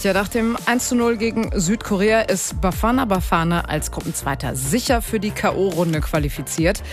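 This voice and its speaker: A woman presenting news in a conversational, scripted style, linking reports as the moderator. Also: on the low side. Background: music bed.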